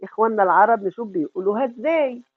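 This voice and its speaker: A middle-aged Egyptian woman talks quickly through a home cooking tutorial. She is warmly affectionate and fills the lesson with her own questions and answers. Her voice comes through a tinny, phone-like line in a dry, close space. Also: medium pitch, no room sound. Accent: Egyptian Arabic. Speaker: cooking channel host.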